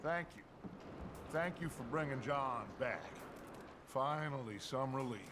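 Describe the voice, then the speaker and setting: An actor playing a gentle, weary older outlaw, worn down by the cold, who talks in a slow, grateful, tired way. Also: male voice, mid-range voice, a little hiss or hum, natural voice. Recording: video game audio with faint ambience.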